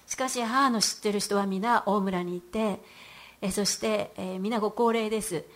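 A woman's voice: mid-range voice, steady tone, normal speed. A middle-aged woman giving a heartfelt church testimony in an earnest voice, with frequent hesitant fillers.

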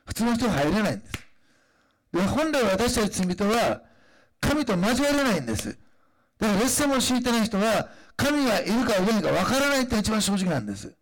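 Gravelly, lively-voiced male preacher. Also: high voice, a little fast. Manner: conversational preaching with frequent fillers, rising to emphatic declarations. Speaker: pastor. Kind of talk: sermon.

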